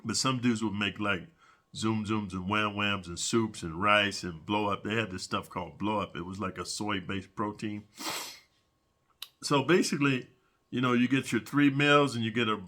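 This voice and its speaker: A middle-aged man with a lowish, sharp-toned voice rambles casually through prison stories. He keeps sniffling from allergies and peppers everything with "man" and "dude."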